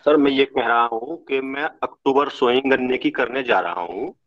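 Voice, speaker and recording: A man's voice: medium pitch, moderate pace. A man asking polite questions at an online farmers' meeting, his call audio choppy and breaking up. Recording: dull, lo-fi video call line.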